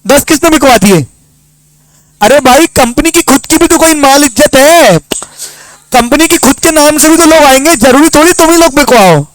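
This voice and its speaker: A woman teacher giving a lively lesson, telling stories and firing quick questions at her students. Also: high voice, no room sound, rough recording. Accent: Hindi. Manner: storytelling with rapid-fire questions to students. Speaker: commerce teacher.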